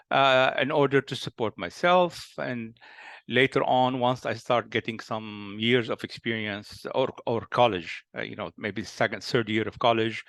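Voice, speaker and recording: This personal life-story monologue comes from a sixty-ish founder with a Lebanese accent whose mid-range voice is gravelly and a bit bright. He halts frequently, with plenty of fillers and restarts, on a dry recording.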